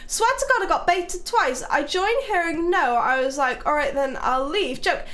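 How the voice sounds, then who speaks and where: This young livestream host from England chats loosely with her viewers, swearing openly and playfully ribbing them. Her high voice is animated and fairly bright, delivered at a normal speed.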